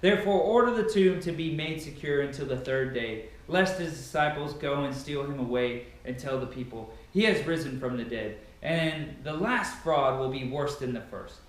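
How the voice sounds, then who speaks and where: Speaking at a medium pitch and steady pace with almost no pauses, a young man gives a forceful, declamatory scripture reading. He's recorded by a camera several meters away inside a spacious, sparsely furnished living room full of echo.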